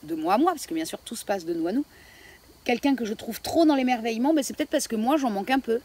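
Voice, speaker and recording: A woman teaching Mayan astrology, talking in a reflective way and often pausing to search for words. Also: on the high side, lively intonation, darkish tone, slight background noise. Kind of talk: spoken spiritual teaching.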